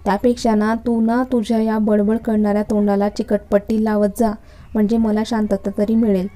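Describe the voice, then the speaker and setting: A woman's voice: mid-range voice, level tone, moderate pace, mellow, lightly acted. A woman reading the part of an irritable young male college lecturer in a story, speaking in a curt, scolding manner. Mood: irritated.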